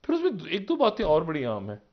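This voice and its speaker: A man's voice: wildly swooping pitch, fairly quick, lo-fi sound. Rambling man, TV political commentary. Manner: rambling, asks rhetorical questions, swings from low murmurs to raised emphatic peaks. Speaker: political analyst on a TV talk show. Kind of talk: live TV current-affairs commentary.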